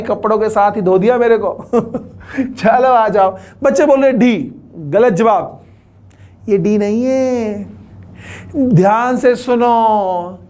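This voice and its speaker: A man's voice: high voice, darkish tone. A man teaching chemistry to a class in a joking lecture, teasing the students and making playful mock threats.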